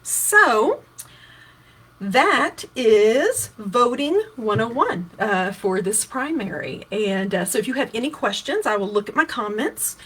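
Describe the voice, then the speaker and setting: A woman in her fifties, a political candidate from Kentucky, explains voting options and answers viewer questions in a casual, conversational livestream, often restarting her sentences. Her voice is slightly high and sing-song, a bit bright with a breathy edge, and she takes her time.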